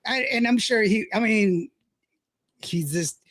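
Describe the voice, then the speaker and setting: A man's voice: high voice, slow pace, a bit bright, no room sound, clean studio sound. A man hosting a podcast, chatting casually, joking, rambling and laughing often. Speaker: podcast host. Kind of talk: casual chat.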